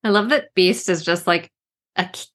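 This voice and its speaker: Woman, co-host, casual chat, lowish voice, laughs easily. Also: moderate pace, fairly bright tone. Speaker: co-host and co-author.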